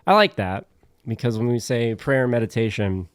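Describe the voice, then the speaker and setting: A man's voice: mid-range voice, moderate pace, smooth, no echo, studio quality. A man co-hosting a casual podcast, chatting and joking, laughing often and sometimes reading passages aloud. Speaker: podcast co-host. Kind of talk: casual chat.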